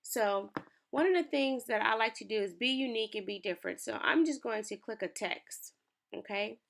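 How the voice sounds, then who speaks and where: Walking viewers through a design tutorial on her screen, a young lifestyle creator who runs a small business keeps things upbeat and chatty. Her voice, a little high and raspy from the early hour, has lively intonation at a normal speed.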